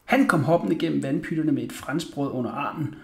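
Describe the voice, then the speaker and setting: A man reads a children's bedtime story aloud with a lively, expressive delivery. His voice sits high for a man and moves easily through the telling. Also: creaky. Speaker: narrator. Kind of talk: audiobook storytelling.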